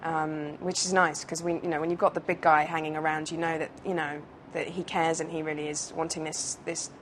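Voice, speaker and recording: British actress, lower register, chatty and rambling with fillers, faint background noise. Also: female voice, little pitch movement, brisk. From United Kingdom. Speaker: actress being interviewed. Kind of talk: casual interview chat.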